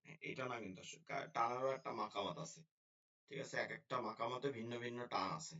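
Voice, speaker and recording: A man teaching a Quran pronunciation lesson, drilling syllables slowly and explaining lip and tongue positions in colloquial speech. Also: medium pitch, bright, forceful tone. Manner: drills syllables slowly and repeats them for practice. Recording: slightly dull lo-fi sound.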